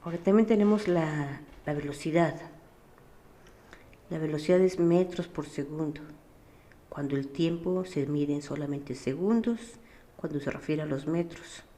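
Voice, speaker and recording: Low, mellow-voiced woman teaching. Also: measured pace. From Mexico. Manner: patient, keeps checking with a questioning "sí?". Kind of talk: explaining a physics lesson.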